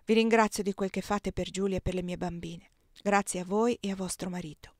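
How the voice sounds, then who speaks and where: A woman's voice: mid-range voice, fairly even intonation, a little fast, a little mellow, no room sound, studio quality, lightly acted. Woman reading as a portly older man, dejected. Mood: resigned.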